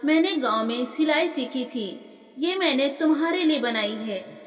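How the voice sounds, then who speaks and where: A woman voicing a timid, gentle young village wife who speaks meekly. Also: high-pitched, expressive, a little slow. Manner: meek, soft-spoken. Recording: roomy echo with long reverb.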